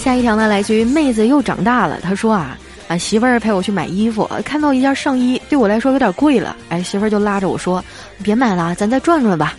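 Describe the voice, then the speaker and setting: A woman hosting a radio-style show, reading listener jokes aloud with playful storytelling and drawn-out particles. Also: medium pitch, lively intonation, a little mellow, faint music behind.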